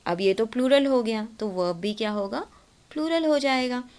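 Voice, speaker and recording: A woman's voice: fairly high pitch, lively intonation, normal speed, a little mellow, smooth. A woman with an Indian accent teaching a grammar class. She explains patiently, switches between Hindi and English and keeps checking that students follow.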